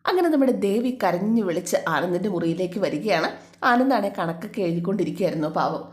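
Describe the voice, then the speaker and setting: A woman's voice: fairly low pitch, animated, quick pace. Casting: chatty woman storyteller, casual recap with friendly asides. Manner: chatty, amused asides to listeners. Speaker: storyteller recapping a family serial.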